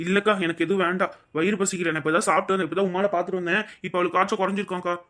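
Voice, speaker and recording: A woman's voice: fairly low pitch, fairly even intonation, very fast, fairly bright tone, lightly acted. A woman voicing a hot-tempered young neighbour in a cartoon, talking in a combative, threatening way. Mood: angry. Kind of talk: cartoon voice acting.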